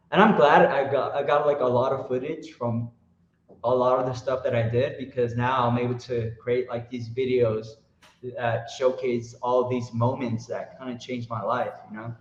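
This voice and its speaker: Animated slangy man in a roomy recording. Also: medium pitch. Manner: animated, slangy, lots of fillers. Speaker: guest artist. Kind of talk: casual storytelling interview. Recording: roomy, dull lo-fi sound.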